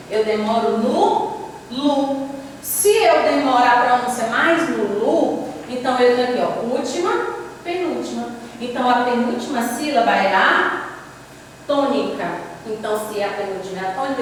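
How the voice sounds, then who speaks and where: A woman teacher explains a lesson step by step and keeps saying "ó" as she points to the board. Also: high-pitched. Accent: Brazilian Portuguese. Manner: explains step by step, often says "ó" while pointing. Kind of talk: recorded classroom lesson. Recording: echoey room, distant mic, faint noise.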